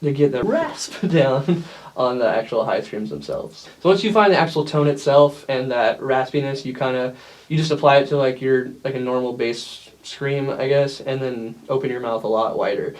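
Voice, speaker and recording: A man gives a casual how-to talk in a middle-pitched voice. His delivery is informal and loose, circling through explanations in a halting, conversational way, like a vocalist teaching other singers. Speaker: metal band vocalist giving a tutorial. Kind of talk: casual instructional chat.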